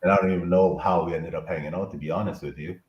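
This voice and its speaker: Casting: low-voiced man reminiscing, on a roomy remote line with faint hiss. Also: steady tone, very fast, highs cut off. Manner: reminiscing, tells a story with warm praise. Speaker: guest. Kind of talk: casual chat.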